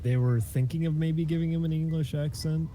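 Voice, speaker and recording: A man's voice: a little high, fairly even intonation, fairly quick, dark tone. A young man who is a guest, chatting casually about a game and often playfully quoting lines in put-on voices. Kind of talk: casual gameplay chat.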